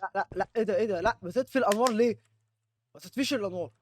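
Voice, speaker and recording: A young man with an Egyptian Arabic accent giving jokey let's-play commentary on a horror game, swinging from muttering to panicked yelling. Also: sits high, very fast, background noise. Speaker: gaming YouTuber.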